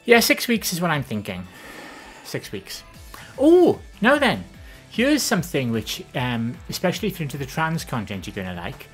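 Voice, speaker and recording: With faint music behind her, a woman from the Welsh Valleys chats on a live stream, answering viewers at a normal pace with big swings in pitch. Her voice is soft, gentle and low with a less feminine tone, and she rambles, often saying um and correcting herself.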